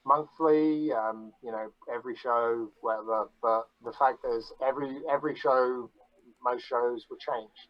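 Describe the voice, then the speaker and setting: A man chatting casually on a podcast, bragging about himself in a deadpan, mock-grandiose way. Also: medium pitch, unhurried, no room sound, highs cut off. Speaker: guest.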